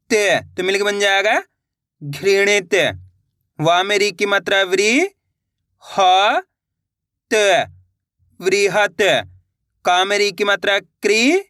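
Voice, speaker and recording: Slow, patient male reading teacher. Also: high-pitched, bright, forceful tone, smooth, no room sound, clean studio sound. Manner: sounds out words syllable by syllable, then blends them; addresses viewers as friends, checks understanding. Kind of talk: step-by-step phonics lesson.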